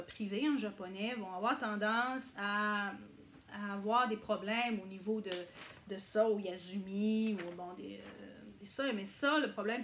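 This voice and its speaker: Woman, chatty language teacher, mid pitch, faint hiss behind her. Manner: chatty, checks in with frequent "ok?". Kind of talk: casual video lesson.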